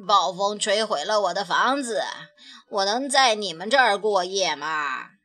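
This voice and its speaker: A woman's voice: medium pitch, lively intonation, measured pace, bright, forceful tone. A woman voicing a tired, exasperated reindeer seeking shelter in a children's story. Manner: exasperated, firm. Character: weary reindeer, male, patient. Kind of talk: storybook reading.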